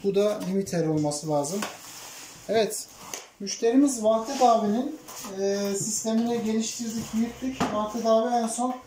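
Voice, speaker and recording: A woman's voice: on the high side, normal speed. A woman installer casually explaining a product unboxing as she handles the equipment. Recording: roomy, distant, noisy recording.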